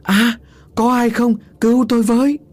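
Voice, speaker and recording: A man's voice: very high voice, flat delivery, normal speed, voice pushed up. A man voicing a terrified young woman held captive, crying out in panicked, tearful cries. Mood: screaming.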